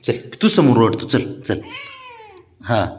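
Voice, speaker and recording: A man talking to his pet cat in coaxing baby talk, soothing and pleading, with his voice swooping up high on questions. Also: big pitch swings, takes it slowly, a little mellow.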